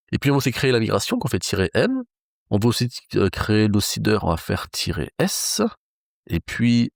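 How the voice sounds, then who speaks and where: A low, gravelly male voice, recorded close and dry, walking through code live. He thinks aloud in a relaxed, casual way, pausing on fillers as he goes. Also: no room sound. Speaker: programming instructor. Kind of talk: live coding tutorial.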